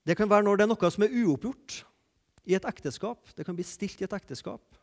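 A man preaching a sermon, emphatic, repeating key phrases and swinging between loud declarations and quiet asides. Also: high voice. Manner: emphatic, repeats key phrases, rises and drops sharply in loudness.

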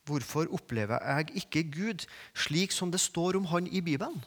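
Norwegian preacher in an echoing church hall. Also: male voice, on the high side, animated, a bit bright. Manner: builds to emphatic, rising peaks. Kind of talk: sermon. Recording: long reverb of a large hall.

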